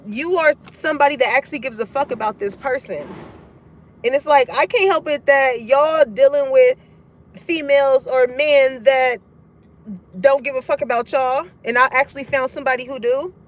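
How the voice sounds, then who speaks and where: A tarot card reader speaks to her collective audience in a high-pitched voice at a normal pace. Her casual reading is frank and profane, and she laughs often as she goes.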